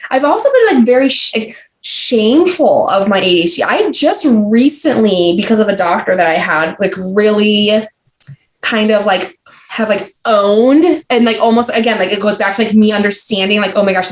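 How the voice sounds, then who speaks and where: A woman's voice: mid-range voice, animated, normal speed. A young adult woman, a podcast guest, talking in a casual, rambling way full of fillers and restarts. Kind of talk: casual conversational interview. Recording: roomy echo.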